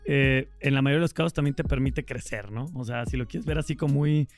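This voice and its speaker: A man's voice: medium pitch, quick pace, soft background music. A man with a Mexico City accent hosting a casual panel, playful as he reads out audience questions. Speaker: show host.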